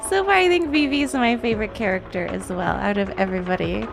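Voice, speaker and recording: A giggly, chatty woman livestreams a video game, chatting casually and reacting to the gameplay over game music. Her mid-range voice is brisk and creaky.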